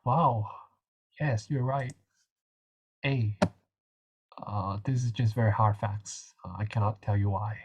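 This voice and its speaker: A young man with a nasal, slightly husky voice talks through quiz answers. His delivery is casual and hesitant, full of little fillers and restarts. He sounds like a student tutor running a relaxed revision session. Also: lowish voice, a little slow, dull audio. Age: young adult. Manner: chatty, hesitant, many fillers.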